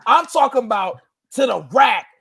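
A man with a strikingly high voice tells a rowdy, profane story in casual chat. He acts out every line the other people in the story said. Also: expressive, normal speed, creaky, sharp tone, slightly rough. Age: adult. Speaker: podcast co-host telling a story.

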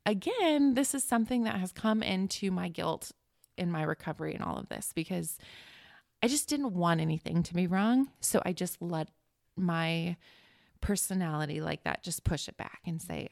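Appearing as a podcast guest, a woman tells a personal story earnestly and with emotion, often restarting her sentences. Her low, slightly mellow voice has a gravelly creak and a moderate pace. The recording is dry with no room echo.

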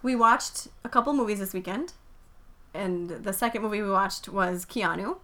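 Woman, podcast co-host, casual chat, giggly, rambling, bright tone. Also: mid-range voice, normal speed.

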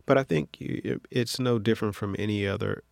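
A man who works as an orthopedic surgeon, from Detroit, explaining things in a measured interview manner with frequent fillers. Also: fairly low pitch, gravelly, dry recording. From Detroit, USA. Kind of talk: interview conversation.

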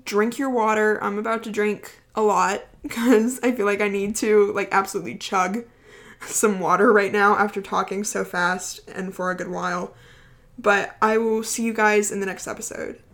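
A woman hosting a podcast in casual chat, talking fast and rambling with lots of fillers. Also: mid-range voice, steady tone, a bit bright. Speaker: podcast host.

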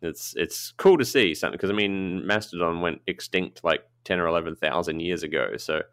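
A man's voice: deep voice, brisk, fairly bright tone, clean tone, no echo. A man hosting a podcast, chatting casually with frequent laughs and filler words. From Australia. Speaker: podcast host, knifemaker.

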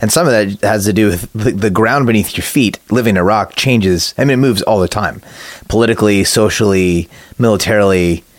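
A man's voice: fairly low pitch, a little fast, no echo. A man hosting a casual interview, reflective and loose in his phrasing, with lots of "like" and "I mean.".

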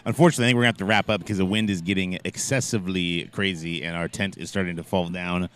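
A man with a fairly low voice co-hosts a casual show from a barbecue event tent. He talks quickly and stays laid-back, dropping wry quips. He has the easy pace of banter among friends. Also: fairly even intonation, a bit bright, clear, resonant tone. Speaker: podcast co-host.

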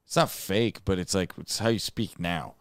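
A man's voice: deep voice, normal speed, clear, resonant tone, no echo, clean studio sound. A young man hosting a podcast stream, easygoing and slangy, backing up his co-host. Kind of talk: casual podcast banter.

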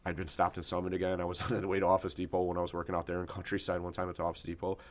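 A man with a low voice hosts a casual podcast chat. He tells his stories at a quick clip, rambling along and acting out what people said. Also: completely flat delivery. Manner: rapid, rambling anecdotes with acted-out quotes. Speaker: podcast host.

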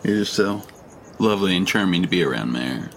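A man's voice: sits low, expressive, normal speed, a little hiss or hum. A man voicing a surly, antisocial male character who talks in a blunt, sarcastic way.

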